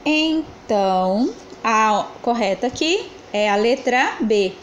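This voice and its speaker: Lady teacher going over answers, highish voice, counts out loud, background noise. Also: animated, slow, low-quality recording. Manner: asks the class questions and answers them herself, counts syllables aloud. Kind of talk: explanatory lesson, correcting exercises.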